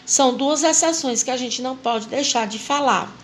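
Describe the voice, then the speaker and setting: A woman's voice: high-pitched, normal speed, a little hiss or hum. A Portuguese-speaking woman teaching an English grammar lesson to a class, patiently spelling out rules step by step and repeating them.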